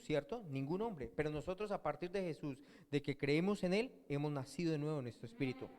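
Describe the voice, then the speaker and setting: A man preaching a sermon as pastor, often asking his congregation questions and answering them himself. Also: a little high. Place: church hall. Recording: long church-hall reverb.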